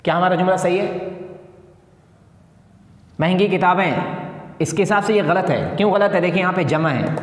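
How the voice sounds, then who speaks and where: A man's voice: high voice, normal speed, long pauses. A man teaching an English grammar lesson at a board, spelling words letter by letter and asking and answering his own questions. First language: Urdu. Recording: echoey room with long reverb.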